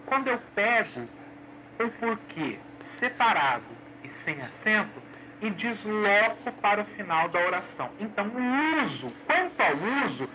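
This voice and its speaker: A woman's voice: mid-range voice, bright, forceful tone, a little hiss or hum, low-quality recording. A woman explaining grammar rules to a class, patiently checking in with "ok?" and asking her students questions. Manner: patient, asks questions back, says "ok?" and "olha lá". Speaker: Portuguese grammar teacher.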